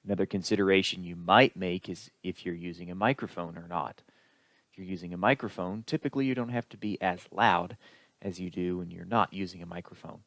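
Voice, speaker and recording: A man with a very low voice lectures on public speaking in a steady, explanatory way. The recording is dry and close, with no room sound. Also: no room sound. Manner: explanatory, unhurried, with occasional fillers. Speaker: instructor.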